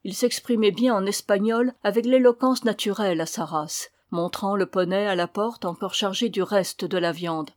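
A woman reading a novel aloud in a steady, measured way. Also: mid-range voice, no echo, studio quality. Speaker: audiobook reader. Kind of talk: scripted narration.

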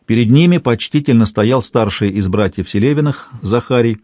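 A man narrating a historical novel in a measured, even reading. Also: mid-range voice, dry recording. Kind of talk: scripted audiobook narration.

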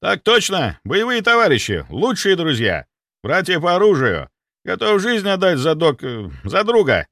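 A man's voice: high voice, wildly swooping pitch, moderate pace, a bit bright, no room sound, clean studio sound, voice pushed up, full character voice. A man voicing an overeager, blindly obedient male security chief who barks his lines in military style. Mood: barking eager. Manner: barking, military, overzealous.

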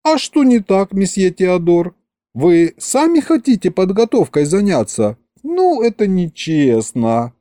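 A man's voice: high-pitched, sing-song, mellow, dry recording, clean studio sound, pitched above the performer's own voice. A man voicing a giddy vampire girl. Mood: dreamy. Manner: sighing, drawn-out, breathless gushing. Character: giddy young vampire girl, dreamy and excitable. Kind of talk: audiobook character reading.

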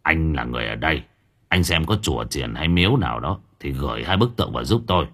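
Man voicing a blunt old spirit master, husky, muttering, deep voice, faint music. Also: animated, fast, a bit bright, full character voice. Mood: gruff. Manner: low gruff muttering, calls others "mày".

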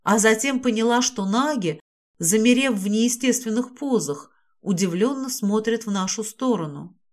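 Expressive woman audiobook narrator. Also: fairly high pitch, moderate pace. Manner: expressive, dramatic reading. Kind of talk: first-person audiobook narration.

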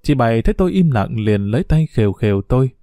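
Male audiobook narrator, mellow dark tone, calm measured reading, dry close sound. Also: mid-range voice, dry recording. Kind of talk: audiobook storytelling.

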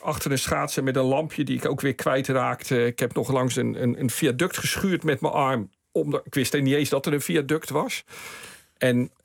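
A man's voice: mid-range voice, normal speed, gravelly, no echo, studio quality. A man on a radio show, telling his own story with chuckles and acting out the voices of the people in it. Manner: lively, chuckling storyteller who acts out quoted voices. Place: radio studio.

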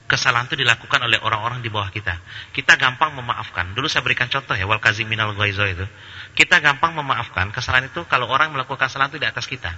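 A man preaching in a lively religious lecture, answering questions with a humorous, colloquial manner and acting out anecdotes. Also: medium pitch, breathy edge, muffled recording. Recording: long hall reverb.

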